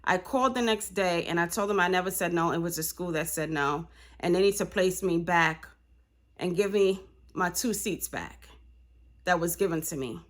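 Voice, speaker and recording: A woman's voice: on the low side, moderate pace. A woman vlogging casually to her viewers as a parent, speaking, fired up and indignant, often asking "you know what I'm saying". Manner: heated, rising to indignant outbursts. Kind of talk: casual vlog talk to viewers. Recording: music loud behind the voice. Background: loud music.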